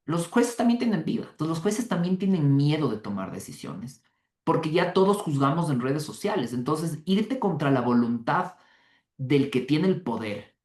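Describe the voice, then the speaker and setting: A male law lecturer, talking to his audience in a loose, lively way and often asking them questions. His voice sits in a middle register. It rings with echo from the room. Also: mid-range voice. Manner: lively, conversational, asks the audience rhetorical questions. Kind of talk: online lecture. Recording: echoey room.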